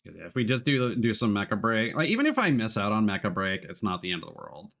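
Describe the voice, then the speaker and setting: A man on the low side, with vocal fry and a slightly bright tone, talks fast in a sing-song way. As a game streamer prepping his broadcast at an indoor computer, he banters with viewers and thinks aloud in slangy, sometimes profane gamer speech through a close desk mic.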